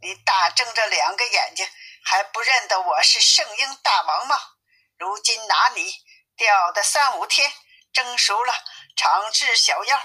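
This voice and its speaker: Woman reader doing a mocking boy demon king, storybook, bright husky tone. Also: medium pitch, lively intonation, unhurried, full character voice, rough recording. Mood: gloating. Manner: gloating, commanding. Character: boastful young male demon king, cruel and mocking.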